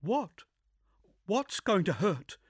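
A man voicing a sharp, anxious young female inquisitor with a strained, breathy voice and quick, insistent questions. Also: high voice, big pitch swings, no room sound, studio quality, pitched above the performer's own voice, exaggerated voice. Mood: urgent.

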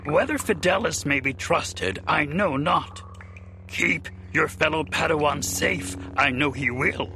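An ancient little alien master speaks slowly in a croaky, bright, raised voice, turning his sentences backward, as a male audiobook narrator puts him on. His words come out measured and weighty. A faint hiss sits under the recording. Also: fairly high pitch, voice pushed up. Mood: grave. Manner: inverted word order, croaky.

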